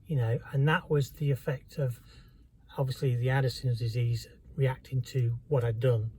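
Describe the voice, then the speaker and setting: Halting, candid man, mellow voice. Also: mid-range voice, steady tone, slightly rough, low-quality recording. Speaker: vlogger. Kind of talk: personal storytelling to camera.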